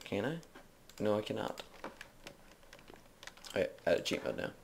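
Let's player, male, very low voice, loose jokey gameplay chatter into a desk mic. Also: very animated, unhurried, vocal fry, a little hiss or hum. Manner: rambling, jokey self-narration. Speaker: video game let's player. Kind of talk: casual gameplay commentary. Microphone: desk microphone.

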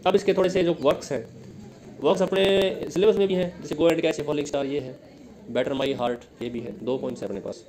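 A man with an Indian accent giving an exam-prep lesson, asking questions and answering them himself, reading English lines slowly. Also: mid-range voice, a little mellow, rough recording. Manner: explains in Hindi, reads English lines slowly. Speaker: teacher.

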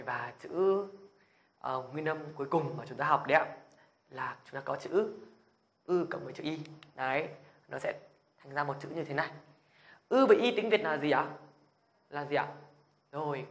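A fairly bright, slightly high-pitched male voice leads a lesson for language beginners. He patiently stops after each point to ask whether viewers are keeping up, then drills pronunciation aloud with plenty of energy.

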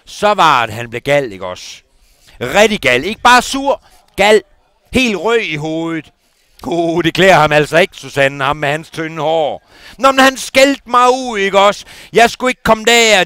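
A man's voice: high-pitched, pushed and bright, clean tone, dry recording, full character voice. Gitte, a man doing a chatty indignant housewife. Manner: rambling, keeps adding "ikke også" for agreement. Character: gossipy middle-aged housewife, indignant and chatty. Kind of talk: comic monologue performance.

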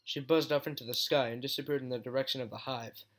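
A man reading a fan story aloud as steady first-person narration, with occasional slips. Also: medium pitch, quick pace. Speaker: fan fiction reader.

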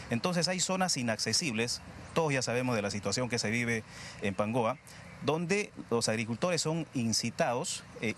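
A man's voice: mid-range voice, a little hiss or hum. A middle-aged man, a project promoter, explaining earnestly in a live outdoor interview on a reporter's mic. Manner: earnest, explanatory, uses fillers like "este". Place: outdoor plaza stand, in the city. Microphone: reporter's handheld mic.

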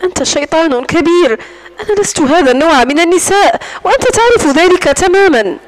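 A woman's voice: extremely high pitch, expressive, a little fast, slight background noise. A woman voicing a defiant, scornful young captive. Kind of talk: audiobook narration.

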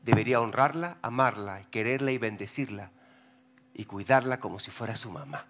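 A male pastor giving a lively, joking sermon in church, acting out voices as he reads scripture. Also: fairly low pitch, moderate pace. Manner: animated, joking, acts out voices while reading scripture.

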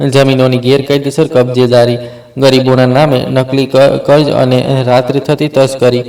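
A man voicing a weak, poisoned village man who speaks quietly, tired and earnest, in a flat tone. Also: medium pitch, moderate pace, close to an everyday voice. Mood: weary.

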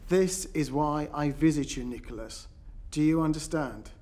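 A man's voice: a little high, normal speed, dark tone, slight background noise, natural voice. A man playing an ominous vengeful spirit. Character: vengeful male spirit, calm and accusing. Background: music.

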